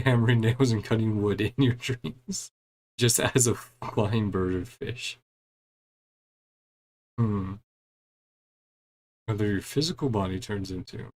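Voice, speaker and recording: Over poor-quality audio, a man with a fairly low, darkish voice streams a story quest. He chats casually, reading the game's lines aloud and murmuring quick reactions between them.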